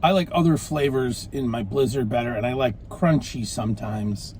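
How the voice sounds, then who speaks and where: A man's voice: medium pitch, moderate pace, darkish tone, a little hiss or hum. A man hosting a casual food review, chatting while he eats. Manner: chatty, talks with mouth full.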